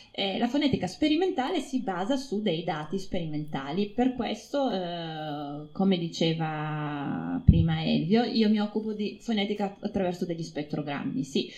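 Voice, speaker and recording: A woman researcher giving an informal talk to an audience, explaining her field with many pauses and fillers. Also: lowish voice, a little mellow. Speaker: phonetics researcher speaking at an event. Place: room with a live audience.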